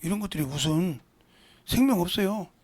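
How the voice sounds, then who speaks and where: A man preaching a sermon as pastor, blunt and scolding, with big swings between loud and quiet. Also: sits high, animated, normal speed. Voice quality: gravelly, husky voice. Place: church sanctuary.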